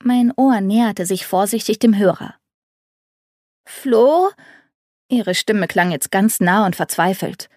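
A woman reads a first-person story aloud, lively and wry in her telling. Her voice sits in a middle register and is recorded very dry and close, with no room sound. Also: mid-range voice, normal speed, few pauses, no echo. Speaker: audiobook narrator. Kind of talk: scripted first-person narration.

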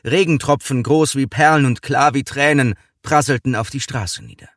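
A man's voice: mid-range voice, normal speed, a bit bright, no room sound, studio quality. A man narrating a short story as a scripted literary audiobook reading.

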